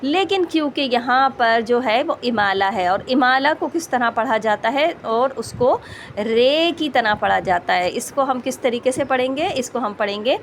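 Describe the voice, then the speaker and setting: A woman's voice: fairly high pitch, animated, a little hiss or hum. A woman teaching Quran recitation rules, patiently explaining and often checking that her students follow. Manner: patient, repeats "ٹھیک ہے؟" checks, slows to model sounds. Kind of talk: explanatory tajweed lesson.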